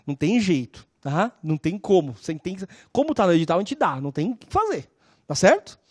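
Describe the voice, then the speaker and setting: Animated São woman lecturing law. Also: fairly low pitch, fairly quick, slightly rough, dry recording, clean studio sound. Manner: constantly checks in with the class; animated, acts out scenes. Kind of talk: lively storytelling lecture.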